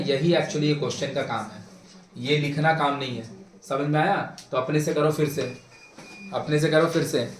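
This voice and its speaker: Young male teacher, high-pitched, brisk and repetitive, recorded in an echoey classroom. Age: young adult. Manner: brisk and insistent, repeats himself, prods students. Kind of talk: classroom maths lecture. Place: classroom with a board.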